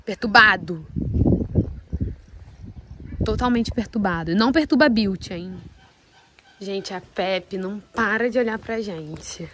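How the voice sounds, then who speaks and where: A woman's voice: mid-range voice, a little slow, pauses often, slight background noise. A Brazilian woman vlogging by hand outdoors in the rain, shaken and trembling with nerves as she talks to her viewers. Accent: Brazilian Portuguese. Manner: shaky and nervous, shouting at a horse. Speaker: vlogger with horses. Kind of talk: casual vlog talk to camera. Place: outdoors in the rain at a horse farm.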